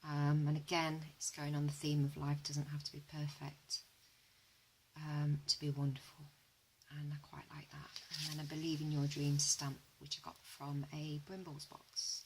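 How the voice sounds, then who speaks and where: A woman talks through her art journals in a relaxed, chatty vlog, her voice hoarse and gravelly. She speaks low and fairly flat, with a faint hiss under the recording. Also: normal speed, low-quality recording. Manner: relaxed, chatty, with frequent ums. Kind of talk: casual flip-through narration.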